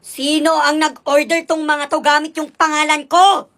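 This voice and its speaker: A man's voice: very high-pitched, little pitch movement, quick pace, sharp tone. A ten-year-old boy voicing an easily angered mother who scolds her children with dramatic outbursts in a comedy skit. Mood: scolding. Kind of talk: comedic skit with one kid playing every role.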